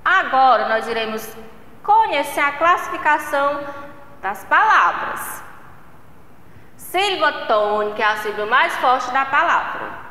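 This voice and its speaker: A Brazilian primary school teacher records a lesson for young children, speaking slowly and patiently, drawing out syllables and often asking "né?" and "certo?". Her voice is slightly high, bright and expressive, with a Brazilian Portuguese accent. The room is echoey, leaving a long reverb tail.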